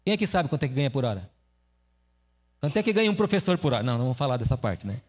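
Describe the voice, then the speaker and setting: A man's voice: medium pitch, big pitch swings, rapid-fire. A man preaching a sermon in a church, telling a story and asking his listeners questions. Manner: conversational, asks the audience questions. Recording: echoey hall reverb.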